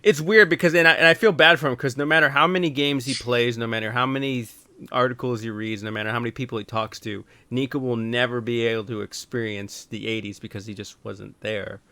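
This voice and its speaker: A man in his thirties chatting on a podcast, animated and storytelling with frequent restarts. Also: medium pitch, a little fast, no room sound. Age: 30s. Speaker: podcast panelist. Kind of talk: casual chat.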